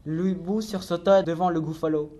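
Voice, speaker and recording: A man's voice: fairly high pitch, fairly even intonation, moderate pace, mellow. Man narrating a rhymed storybook. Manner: clear, rhythmic reading of rhymed verse.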